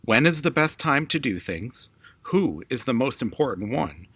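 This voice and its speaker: A man's voice: medium pitch, sing-song, normal speed, fairly bright tone, breathy edge, no room sound, exaggerated voice. A man voicing an earnest, kind young boy in a storybook, asking in a wondering way.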